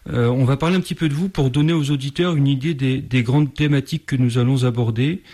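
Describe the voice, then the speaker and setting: A man's voice: mid-range voice, fast talker, warm tone. A man hosting a radio interview, speaking politely and formally, with a few hesitant restarts. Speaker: radio host.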